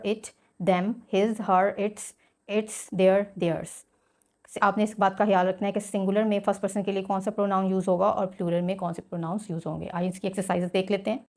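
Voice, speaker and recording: A woman's voice: medium pitch, darkish tone. A woman teacher explaining a school English lesson, reading example sentences aloud and then explaining them in Hindi-Urdu.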